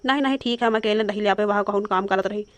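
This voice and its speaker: A woman's voice: medium pitch, fast talker, dry recording, close to an everyday voice. A woman voicing a harried grown son in a cartoon, speaking with an Awadhi accent and a complaining, exasperated manner. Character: grown son, harried young man, grumbling. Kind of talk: cartoon voice acting.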